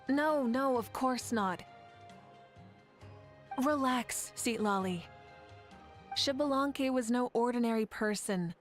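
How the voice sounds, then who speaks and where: A woman voicing a calm, confident, reassuring female leader in a video game, assured and soothing. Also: fairly high pitch, slow, long pauses, soft background music.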